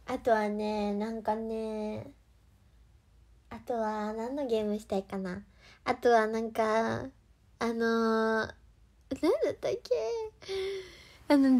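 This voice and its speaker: Young woman, Kansai accent, high-pitched, casual livestream chat, playful, giggly, talks about herself in third person. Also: mellow. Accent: Kansai Japanese. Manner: chatty and playful, calls herself by her own name, giggles often.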